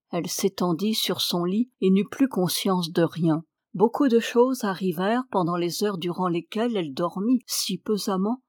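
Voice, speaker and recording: A woman narrating a children's novel in a measured, expressive reading voice. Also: mid-range voice, no room sound, clean studio sound. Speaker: audiobook reader.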